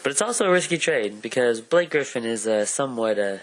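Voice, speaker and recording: A man's voice: medium pitch, lively intonation, brisk, a bit bright. A man co-hosting a casual chat about movies and sports, rambling with lots of fillers. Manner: rambling, filler-heavy, hedging. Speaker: podcast co-host.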